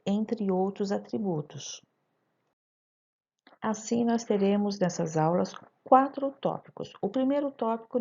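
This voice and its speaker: A woman's voice: mid-range voice, vocal fry, warm tone. A woman teacher with a Brazilian Portuguese accent narrating a recorded lesson, putting questions straight to her students. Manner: didactic, addresses students directly with questions. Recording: dull lo-fi voice-over recording.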